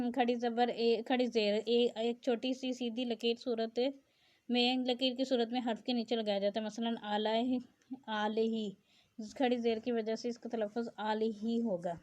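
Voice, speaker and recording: Woman reading a grammar lesson, even-toned. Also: fairly high pitch. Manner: reads text aloud then explains in plain asides. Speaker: teacher. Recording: dull lo-fi sound.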